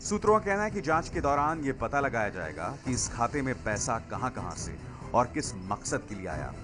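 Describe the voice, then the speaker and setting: A man delivers a scripted news voice-over in a measured, formal way. A clear music bed plays under his voice. His pitch sits in the middle range. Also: sing-song. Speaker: news reporter.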